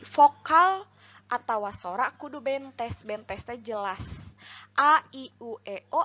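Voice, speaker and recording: A woman's voice: a little high, fairly bright tone, muffled recording. A woman teacher explaining a lesson step by step, asking questions and answering them herself.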